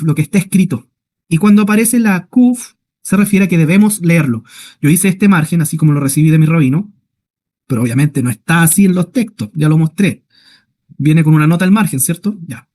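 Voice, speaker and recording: Man, Hebrew teacher, slightly high voice, patient lecture, slow careful reading of words. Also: darkish tone. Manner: explains slowly, asks "¿ya?" and "¿cierto?" often; reads Hebrew words slowly, syllable by syllable. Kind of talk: online class lecture.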